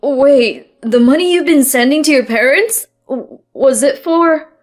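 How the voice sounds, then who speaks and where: A woman's voice: high voice, lively intonation, measured pace, faint music behind, pitched above the performer's own voice. Cheating husband, woman narrator voicing, stammering, begging. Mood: desperate.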